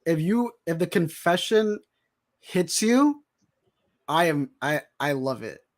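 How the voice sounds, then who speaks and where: A man chatting casually as a podcast guest, excitable and rambling, with many restarts. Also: on the high side, slow. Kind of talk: casual chat.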